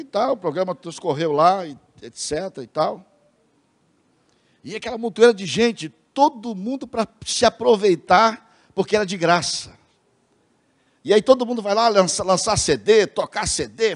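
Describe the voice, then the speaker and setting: A man's voice: sits high, moderate pace. A Brazilian man preaching a sermon as pastor, telling a story and mimicking the people in it. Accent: Brazilian Portuguese. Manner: lively storyteller, mimics voices in quotes, addresses congregation as brothers.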